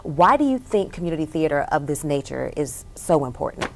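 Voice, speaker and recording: A woman's voice: deep voice, very animated, a little fast, a little hiss or hum. A woman radio and TV host interviewing guests casually, enthusiastic and affirming. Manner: warm, enthusiastic, lots of mm-hmms.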